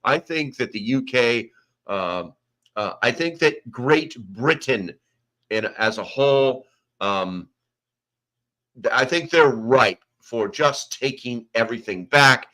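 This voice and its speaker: In a nearly empty room, an American man runs a casual livestream, reading chat names into a small desk microphone and rambling along. The audio is poor; his mid-range voice is slow and sharp, with lively intonation.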